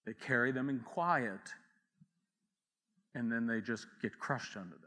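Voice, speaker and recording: A man's voice: medium pitch, a little slow, sharp tone, in a large hall. A man preaching a sermon as pastor, in a conversational way with asides and acted quotes.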